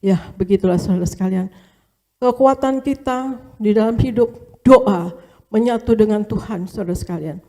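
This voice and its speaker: Woman, pastor's wife, church testimony, colloquial storytelling, speaks to the audience often, warm mellow tone. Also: medium pitch, normal speed. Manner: storytelling, often addressing listeners as brothers and sisters; casual colloquial speech with fillers and repetitions.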